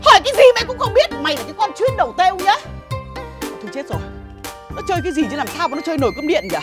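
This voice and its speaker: A woman playing a hot-tempered village mother who curses a thief in shrill, rhythmic rants. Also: sing-song, very fast, music in the background. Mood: flustered. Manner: shrill, ranting, rhythmic cursing. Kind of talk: comedy sketch acting.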